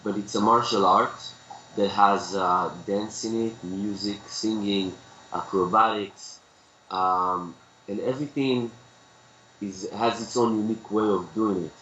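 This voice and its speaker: A man from Israel with an Israeli accent, a guest in a conversational interview, recounting his story in an unhurried way with plenty of fillers. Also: fairly low pitch, fairly even intonation, bright, forceful tone, roomy sound, highs cut off, a little hiss or hum. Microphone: video call.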